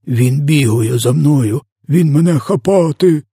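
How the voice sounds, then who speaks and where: A man's voice: fairly high pitch, measured pace, dark tone, slightly rough, no room sound, clean studio sound, voice pushed up. A man voicing a huge male man-eating giant who wails and pleads in panic during a nightmare. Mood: terrified wailing. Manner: wailing, pleading, panicked screams.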